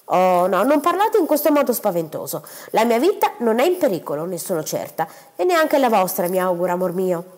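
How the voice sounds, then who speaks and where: A woman's voice: medium pitch, big pitch swings, fairly quick, few pauses. Woman reading as a sly scheming stepmother. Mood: flustered. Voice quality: sly, knowing, lightly teasing. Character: coy scheming middle-aged stepmother, wife. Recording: long hall reverb.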